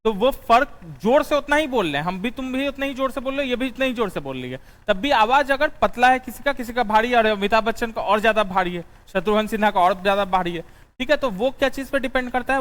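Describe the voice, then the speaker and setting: A male teacher lectures in a high-pitched voice, firing questions at his students and answering them himself. He slows down to dictate notes. His voice rings with a long reverb in the classroom. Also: fairly bright tone. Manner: sings out the notes of the scale.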